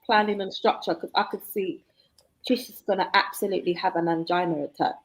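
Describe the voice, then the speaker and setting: A woman's voice: fairly low pitch, a little fast, poor audio. A woman, chatting casually as a guest author, reflective and laughing often. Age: 40s. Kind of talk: casual live chat.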